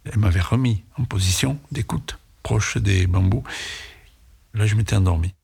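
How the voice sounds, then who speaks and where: Gravelly husky man, reflective and halting. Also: fairly low pitch, darkish tone. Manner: reflective, hesitant, halting phrases. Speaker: interviewee in a sound documentary. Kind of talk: personal reminiscence.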